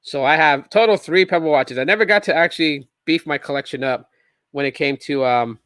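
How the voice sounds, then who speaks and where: A man's voice: on the high side, brisk, a bit bright, clean tone, no echo. A man in his thirties hosting a solo tech podcast, talking casually and rambling with sarcastic asides and lots of restarts. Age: 30s.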